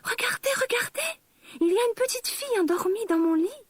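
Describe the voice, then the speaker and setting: A woman's voice: expressive, brisk, no echo. Woman doing a tearful little baby bear. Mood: excited. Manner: high, whining and tearful. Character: small crying baby bear cub.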